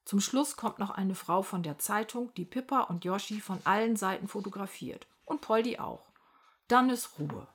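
A woman narrating a children's story aloud, lively and expressive. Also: mid-range voice, normal speed, husky.

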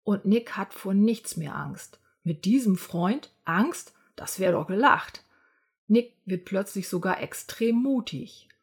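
A woman narrating a children's story aloud in a lively, expressive way. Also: mid-range voice, slow, slightly rough.

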